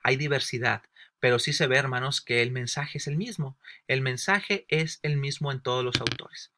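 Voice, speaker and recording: A man's voice: mid-range voice, normal speed, background noise. A man teaching a Bible lesson for new believers. He explains with everyday examples, asks rhetorical questions and often addresses his listeners as brothers and sisters. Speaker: Sunday school teacher.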